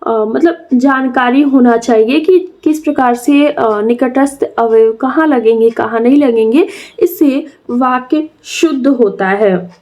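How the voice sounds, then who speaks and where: High-voiced woman teaching grammar. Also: a little slow, darkish tone. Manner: reads textbook lines then explains them plainly, with frequent "uh" fillers. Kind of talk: classroom lecture explaining from notes.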